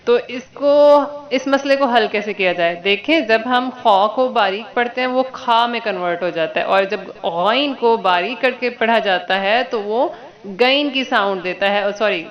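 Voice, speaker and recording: A woman teaching Quran letters to children online, drawing letters out slowly for students to repeat and checking in with them often. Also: a little high. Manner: patient, drawn-out letter recitation for repeating. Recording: dull lo-fi recording.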